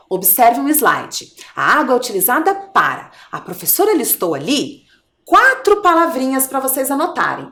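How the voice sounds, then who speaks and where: Animated Brazilian woman teaching young children. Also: a little high, roomy sound. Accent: Brazilian Portuguese. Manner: animated, coaxing, asks children questions. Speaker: primary school teacher. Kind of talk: video lesson for young children.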